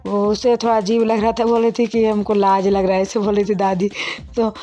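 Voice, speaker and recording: A woman's voice: medium pitch, little pitch movement, a little fast, mellow. A young woman, narrating her own wedding video in a casual, chatty voice-over and talking straight to her viewers as friends. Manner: chatty, addresses viewers as friends, many fillers.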